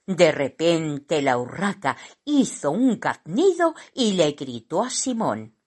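A woman reading a children's story aloud as narrator, in an expressive, unhurried way. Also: sits low.

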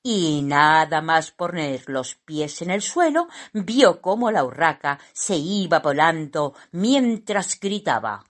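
A woman reading a children's story aloud as narrator, in an expressive, unhurried way. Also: sits low.

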